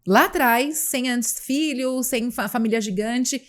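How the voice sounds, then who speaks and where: A woman's voice: fairly high pitch, unhurried. A Brazilian woman hosting a casual interview podcast, asking questions and chiming in with affirming remarks. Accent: Brazilian Portuguese. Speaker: podcast host.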